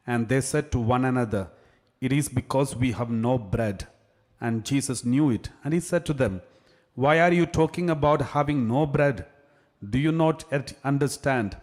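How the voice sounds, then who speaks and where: Priest with cathedral echo. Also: male voice, medium pitch, darkish tone. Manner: measured and earnest, with frequent restarts. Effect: cathedral echo, long church reverb. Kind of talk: gospel reading and homily. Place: large church. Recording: long hall reverb in a church.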